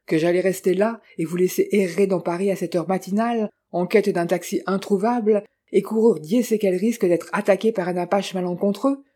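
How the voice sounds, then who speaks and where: Reader doing a gruff older count. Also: medium pitch, fairly even intonation, a little fast, hardly any pauses, dark tone, lightly acted. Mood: indignant. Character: irritable older man, a count, brusque and scheming.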